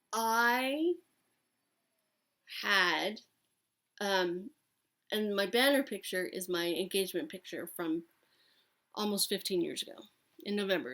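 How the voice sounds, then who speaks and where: Slow-talking woman with a smoker's rasp. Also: medium pitch, a bit bright. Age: late thirties, almost forty. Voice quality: raspy, like a longtime smoker's rasp. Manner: candid, digressive, emphatic. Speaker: vlogger talking to camera. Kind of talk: casual rambling chat.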